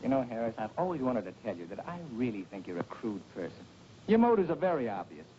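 Actor doing a touchy novelist husband, 1940s film style, lively swings, dull old soundtrack. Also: male voice, lowish voice, quick pace, slight background noise, natural voice. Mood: sarcastic. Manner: indignant, sharp-tongued. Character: proud, jealous male novelist husband.

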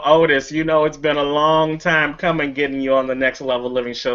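A middle-aged American man hosts a motivational webcast in a mid-pitched voice. He is emphatic, stacking repeated phrases, and the video-call sound is somewhat dull. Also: fairly bright tone. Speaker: talk show host and coach. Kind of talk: motivational show hosting. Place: indoor room beside banner.

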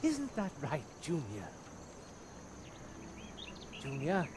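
A man's voice: on the high side, wildly swooping pitch, extremely slow, background noise, heavily acted. An actor voicing a theatrical aging mouse merchant in a video game, a chatty doting father who hams up his stammering sales patter like a stage actor. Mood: eager, grandiose. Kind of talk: video game character acting. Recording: music behind the voice.

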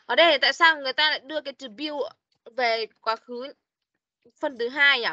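A woman teaching an online English class over a video call, coaching and correcting her pupils quickly. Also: sits high, bright, forceful tone, no room sound. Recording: dull online meeting audio.

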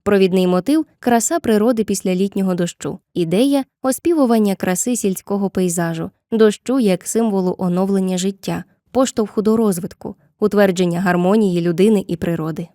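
A woman narrating a scripted literature lesson with clear, measured explanations, slowing down to read poem lines. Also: medium pitch, mellow, no echo, clean studio sound. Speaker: teacher.

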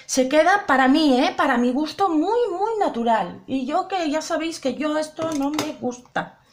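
Chatty high-voiced woman vlogger. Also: lively intonation, moderate pace, slight background noise. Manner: chatty, addresses viewers directly, repeats herself. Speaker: beauty vlogger. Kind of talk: casual makeup tutorial.

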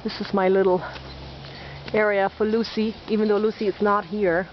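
A woman's voice: medium pitch, level tone, normal speed. A woman giving a chatty, self-deprecating walking tour of her sunny backyard garden, narrating as she goes. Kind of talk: casual walking video tour. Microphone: handheld camera mic. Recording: dull lo-fi camcorder audio with outdoor noise.

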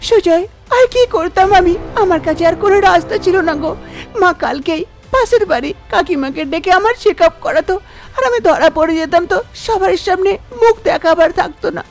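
Woman doing a frightened young woman, tearful, very high voice, faint music. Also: animated, a little fast. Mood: despairing. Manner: tearful, pleading.

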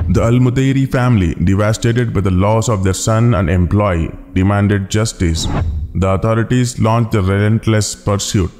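Solemn low-voiced man narrating. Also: mellow. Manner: solemn, measured, earnest. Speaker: channel narrator. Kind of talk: scripted documentary narration. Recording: long reverb with background music.

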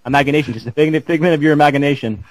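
A man's voice: fairly high pitch, rapid-fire. A man joining as a guest player, wisecracking in casual gameplay banter.

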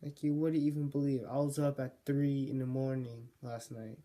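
A male vlogger talking casually to his viewers in a rambling, jokey way, correcting himself often, his voice going hoarse. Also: mid-range voice, level tone, normal speed, dark tone. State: losing his voice. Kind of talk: casual vlog monologue.

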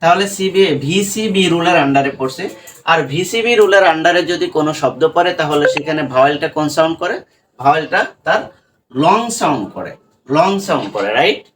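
A Bangladeshi man teaching English pronunciation, his voice sitting a little high for a man. He breaks words into letters and sounds, asking the class questions and then supplying the answers. The mic is set back from him, with a faint hiss in the background. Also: expressive, brisk, fairly bright tone, far from the mic, rough recording. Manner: patient, drills spellings letter by letter, asks and answers his own questions. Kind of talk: spoken lesson to students.

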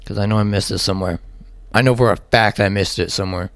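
A man's voice: on the low side, fairly even intonation, quick pace, fairly bright tone, no room sound. A man giving casual, rambling let's play commentary, swearing often and talking to himself as he plays. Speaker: gaming channel host.

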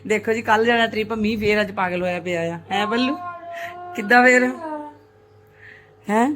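A woman's voice: medium pitch, steady tone, fast. A middle-aged woman chats casually for a home vlog with dramatic, auntie-like exclamations and teasing questions. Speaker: family vlog host. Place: indoors at home. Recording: noisy handheld home vlog recording.

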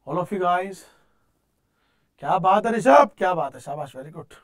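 A man's voice: high-pitched, lively intonation, rapid-fire. A man in his thirties with a North Indian accent lecturing as a teacher, repeating phrases for emphasis and posing questions aloud. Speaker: teacher of exam-prep engineering course. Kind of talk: classroom lecture mixing English with Hindi. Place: indoor teaching studio at a digital board.

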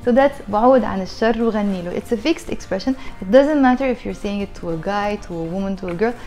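A woman's voice: medium pitch, dark tone, faint music behind. A woman in her thirties with a Levantine Arabic accent, a native Arabic speaker teaching a conversational language lesson in an explanatory, repetitive way. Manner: explanatory, breaks phrases down slowly with repetition. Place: small living room indoors, on a sofa.

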